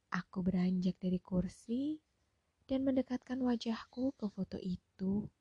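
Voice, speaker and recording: A woman narrating a story in Indonesian in a soft, often half-whispered voice. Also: medium pitch, husky, dry recording, dull audio. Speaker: audiobook narrator. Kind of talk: slow hushed story narration.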